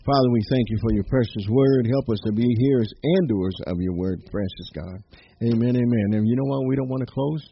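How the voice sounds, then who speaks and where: A man's voice: medium pitch, a little fast, gravelly, a little hiss or hum. Fervent male pastor, muffled broadcast. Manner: fervent, chuckling often, repeated amens. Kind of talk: sermon broadcast to viewers and listeners.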